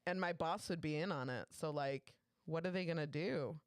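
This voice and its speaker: A woman's voice: sits low, moderate pace, no room sound, clean studio sound. A young woman co-hosting a podcast, telling a work story in casual chat, laughing often and swearing freely. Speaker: podcast co-host.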